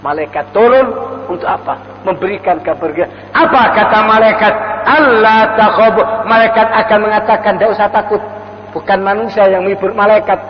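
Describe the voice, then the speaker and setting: Older preacher, reverberant hall. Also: male voice, high-pitched. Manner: storytelling, acts out quoted voices. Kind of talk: dawn sermon. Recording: lo-fi recording in a reverberant hall with faint noise.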